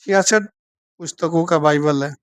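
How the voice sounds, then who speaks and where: A woman teaching a Bible study, speaking slowly and checking in with her listeners after almost every point. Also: deep voice, no room sound. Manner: slow, keeps asking "theek hai na?".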